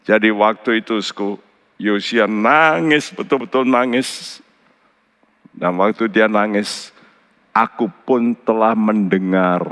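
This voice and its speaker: A middle-aged man preaching a sermon as pastor, animated, often jumping to high emphatic outbursts. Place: large church hall. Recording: church service with long hall reverb.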